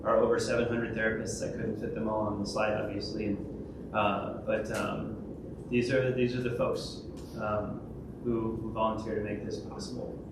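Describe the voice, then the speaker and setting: A low, creaky, flat-sounding man presents at a conference and handles questions at a moderate pace, barely pausing. Even so, he hesitates a lot, with many fillers and restarted phrases. The distant recording picks up the echo and noise of a large event hall.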